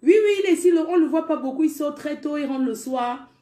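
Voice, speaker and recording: A woman's voice: sits high, brisk, mellow, echoey room, voice pushed up, close to an everyday voice. A woman putting on the voice of an older neighbor woman who insists and repeats herself eagerly.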